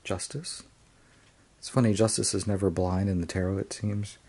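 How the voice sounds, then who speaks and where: Deep, flat-voiced man reviewing a deck. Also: normal speed, husky. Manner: hesitant, frequent ums and restarts. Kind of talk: casual unboxing review.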